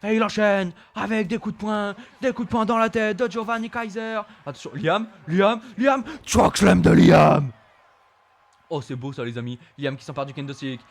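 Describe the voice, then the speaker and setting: A man giving playful play-by-play commentary on a wrestling game stream, excitable and laughing, bursting into shouts. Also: sits high, fairly quick, hardly any pauses.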